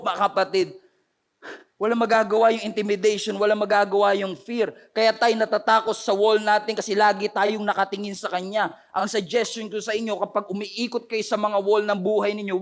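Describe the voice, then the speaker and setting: A man preaching a fervent sermon in a high voice that has gone hoarse. He slides between Tagalog and English and pushes his delivery into emphatic bursts as he speaks to viewers online. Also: flat delivery, a little fast. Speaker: pastor. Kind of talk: impassioned sermon.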